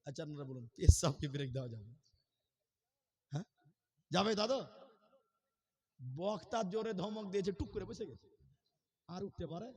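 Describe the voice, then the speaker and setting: High pitched man preaching at a big gathering, cracks jokes w the crowd then goes into loud long drawn chanting. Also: normal speed, long pauses, slightly rough. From Assam, India. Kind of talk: sermon with jokes and chanted verses. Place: outdoor gathering stage.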